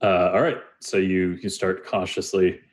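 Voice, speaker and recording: A man's voice: deep voice, little pitch movement, measured pace. A young man narrating a tabletop game as game master, rambling with many fillers. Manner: rambling, lots of uh and like.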